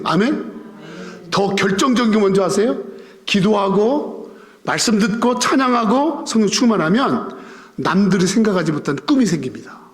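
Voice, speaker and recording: A male pastor preaches a Sunday sermon in a high, swooping voice and often puts questions to his congregation. His words ring out through a large sanctuary with a long, echoing tail. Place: church sanctuary. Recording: reverberant church sanctuary.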